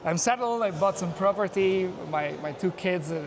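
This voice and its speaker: A man from Afghanistan vlogging outdoors at a busy conference on a handheld mic, chatting casually and narrating what he does. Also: sits high. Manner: chatty, self-narrating, quick asides and laughs. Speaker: YouTuber and software engineer. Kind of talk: casual on-the-street vlog chat. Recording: noisy outdoor ambience.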